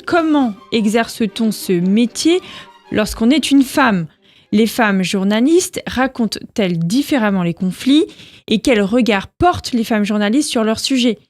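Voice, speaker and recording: A woman with a slightly high voice co-hosts a radio program, laying out the topic and introducing her guest from prepared notes. Her delivery is clear and orderly, and the studio sound is dry. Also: a little mellow, no room sound. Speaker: co-host.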